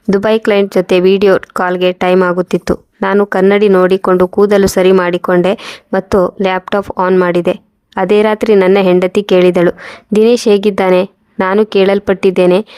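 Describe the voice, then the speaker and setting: Woman reading a story in a flat, steady voice. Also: mid-range voice, dry recording. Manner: even, steady reading with quoted dialogue. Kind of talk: scripted first-person narration.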